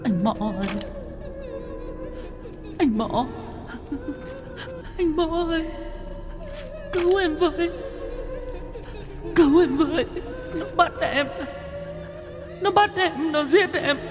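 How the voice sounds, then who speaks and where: A man's voice: very high-pitched, animated, slow pace, pauses often, music in the background, voice pushed up, full character voice. A man voicing the ghost of a drowned young woman who cries and pleads for help. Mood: desperate pleading.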